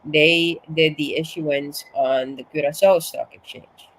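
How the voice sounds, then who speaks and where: A woman's voice: deep voice, fairly even intonation, slow, low-quality recording. Woman, from Suriname, interview guest, slightly out of breath, many restarts, faint background hiss. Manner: restarts often, explains at length. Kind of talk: casual conversation.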